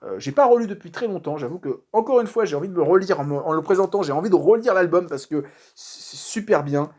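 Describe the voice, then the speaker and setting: A man's voice: high-pitched, expressive, fast, darkish tone. A man casually talking through a comic book review, informal and chatty, with frequent fillers and restarts. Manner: informal slang.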